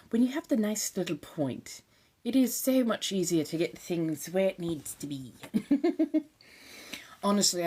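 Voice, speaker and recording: A low-pitched woman's voice with a breathy edge. She chats with viewers on a live stream as a theatrical vampire, putting on a 1700s colonial transatlantic accent, speaking ornately and calling people darling.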